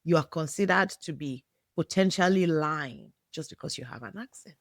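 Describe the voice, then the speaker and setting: A woman hosting a podcast, delivering scripted explanatory narration in deliberate, emphatic short phrases. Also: deep voice, no echo, studio quality. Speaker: podcast host.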